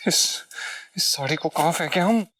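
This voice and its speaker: A man's voice: on the high side, moderate pace, fairly bright tone, close to an everyday voice. An actor in a sitcom playing a grown man who scolds his reckless friend and grumbles to himself about the trouble ahead. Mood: grumbling. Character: exasperated male friend and co-schemer, scolding. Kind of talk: sitcom acting.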